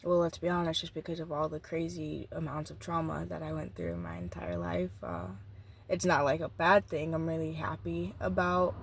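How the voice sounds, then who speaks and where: A nineteen-year-old woman talks through her thoughts like a spoken journal, slightly low in pitch for her age. She rambles and stops to restart her sentences. Faint street noise hums behind her voice. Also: animated, vocal fry. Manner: rambling, reflective, halting with many restarts. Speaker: vlogger. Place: outdoors next to a busy street.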